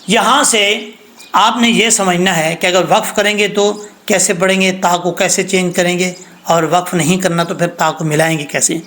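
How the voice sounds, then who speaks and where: A man teaching Quran tajweed patiently, breaking into slow recitation of verses. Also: high-pitched, fairly even intonation, bright, forceful tone. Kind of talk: recorded recitation lesson.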